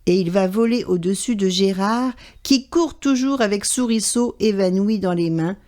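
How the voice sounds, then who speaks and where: A woman telling a children's story aloud in an expressive, animated way. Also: mid-range voice, normal speed.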